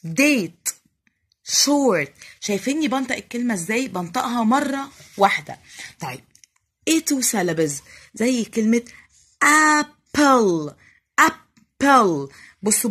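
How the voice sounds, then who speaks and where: A husky-voiced woman with an Egyptian Arabic accent takes young pupils through a lesson. She draws out each English word slowly and explains in a patient, teacherly way. Her voice sits at an ordinary middle pitch. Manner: slow, drawn-out spelling of English words for young pupils. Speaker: primary school English teacher. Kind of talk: recorded classroom lesson.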